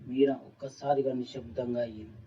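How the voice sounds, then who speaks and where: Male narrator for a horror story, flat even reading, husky tone, heard from a distance. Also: mid-range voice, brisk. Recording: dull, distant-sounding recording.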